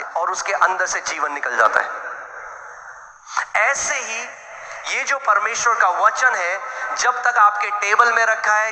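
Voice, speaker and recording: A man's voice: high-pitched, pushed and bright. A man preaching a sermon as pastor, blunt and direct, calling out questions to the congregation. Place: church hall. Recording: echoey hall, long reverb.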